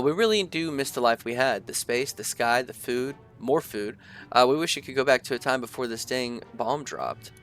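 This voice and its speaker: A young gaming video creator, stuffy-nosed from allergies, chats casually through a let's-play session. He reads the game's text aloud and thinks out loud with lots of fillers, his voice at a medium pitch.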